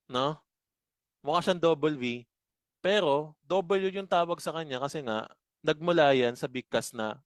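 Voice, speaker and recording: Slow man teaching Bible study. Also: on the high side, no room sound. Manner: slow, explanatory, asks rhetorical questions often.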